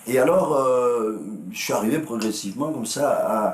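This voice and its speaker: An older man with a Walloon Belgian accent and a gravelly voice, telling stories in an interview and acting out old conversations. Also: medium pitch, normal speed. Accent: Walloon Belgian French. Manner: animated anecdotal storyteller, acts out dialogue. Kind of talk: storytelling interview. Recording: roomy echo.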